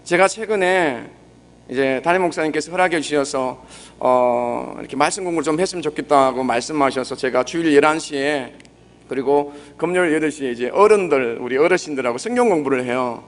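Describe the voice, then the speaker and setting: Young Busan pastor, conversational sermon. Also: male voice, on the high side, a little fast. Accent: Busan Gyeongsang. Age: young adult.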